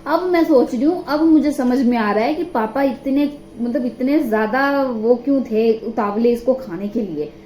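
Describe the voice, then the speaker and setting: A young woman chats into her phone at home, gushing and piling up repeats for emphasis. Her voice sits fairly high for a woman. The sound is roomy and echoey, with a faint hum of background noise. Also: normal speed, few pauses, dark tone. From Himachal Pradesh, India. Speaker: vlogger. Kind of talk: casual vlog chat.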